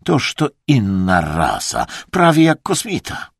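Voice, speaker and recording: A man voicing a brash, mocking Russian camp cook with a Russian accent, drawing his words out loudly. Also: fairly low pitch, wildly swooping pitch, creaky, breathy edge, dry recording, studio quality, voice pushed up, heavily acted. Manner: mocking, drawn-out and shouting.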